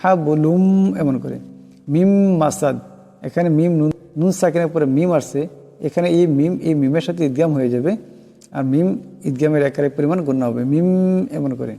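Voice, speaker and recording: A man teaching Quran recitation, spelling out each word and chanting the verses slowly. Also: on the high side, creaky, warm tone, big-room sound, soft background music. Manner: slow melodic chanting of verses, quick plain explaining.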